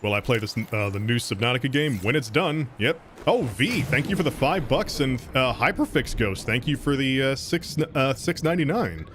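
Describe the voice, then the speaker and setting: This male streamer has a mid-range, fairly bright voice with lively intonation, speaking at normal speed with few pauses over slight background noise. He plays a game while chatting loosely with his audience and reading donations. He thanks donors, rambles through fillers and restarts, and laughs a lot.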